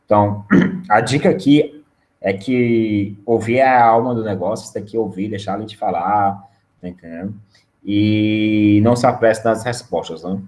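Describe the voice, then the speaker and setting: A man's voice: lowish voice, moderate pace, darkish tone. A man from Brazil presenting a sales webinar in a conversational way, tagging his points with a questioning "né?". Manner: conversational, keeps adding a questioning "né?". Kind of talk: casual webinar lecture.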